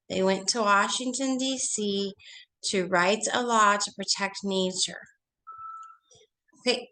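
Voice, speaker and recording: A female teacher with a cold leads a chatty online read-along, sounding congested, nasal, and like she's losing her voice. Her medium-pitched, slightly bright voice comes through a rough recording with a faint hiss. She coaxes the class along and keeps asking them questions.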